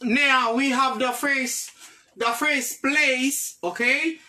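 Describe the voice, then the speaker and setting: A woman's voice: high-pitched, fairly even intonation, bright, forceful tone. A woman with a Haitian accent teaching English vocabulary online, repeating each word and checking with "ok?". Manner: repeats words slowly with frequent "ok?" checks. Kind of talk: online language lesson, mixing English, French and Creole.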